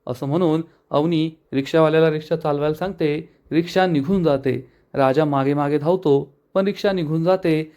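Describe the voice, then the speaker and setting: A man narrating a recap of a television serial episode in steady, plain storytelling. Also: on the high side, normal speed, hardly any pauses.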